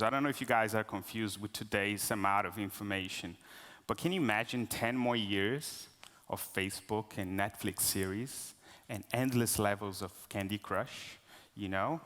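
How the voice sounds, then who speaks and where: A man's voice: fairly low pitch, a bit bright. A man giving a live conference talk, nervous and hesitant, with many fillers and restarts. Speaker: conference speaker. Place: conference hall. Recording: long hall reverb.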